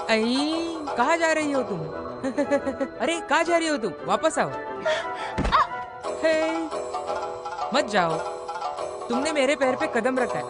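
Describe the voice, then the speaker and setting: A man's voice: extremely high pitch, full character voice. An actor playing a lecherous bullying man who harasses a girl, in a dubbed drama. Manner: leering, whining, shouting. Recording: music behind.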